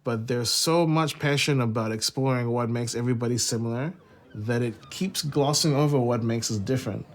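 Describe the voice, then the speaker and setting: A man's voice: medium pitch, normal speed. A man, a jazz musician speaking thoughtfully in a documentary interview, often hedging with "sort of" and "like". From born in Singapore, raised in New Zealand.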